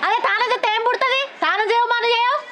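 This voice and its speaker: A woman's voice: very high-pitched, racing, a loud crowd. An actress with a Telangana accent playing a village wife who scolds her husband with earthy insults, in a comic short film. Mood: scolding. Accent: Telangana Telugu. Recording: loud background music.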